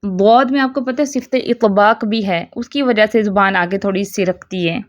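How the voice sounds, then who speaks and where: A woman teaching a recitation lesson, slowly drawing out example words syllable by syllable. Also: medium pitch, lo-fi sound. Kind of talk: online tajweed lesson.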